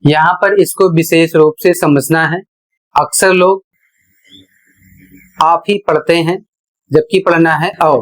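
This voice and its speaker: Slow, deliberate pronunciation teacher. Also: mid-range voice, fairly even intonation, poor audio. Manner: spells words letter by letter, deliberate and explanatory. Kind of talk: pronunciation lesson.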